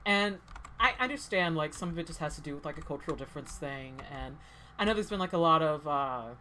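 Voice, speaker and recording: A woman's voice: low-pitched, expressive, brisk, sharp tone, slight background noise. A woman giving casual, rambling commentary while playing a game. She fills her talk with "like" and sounds heated yet cheerful. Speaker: gameplay commentator. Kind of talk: casual gameplay chat.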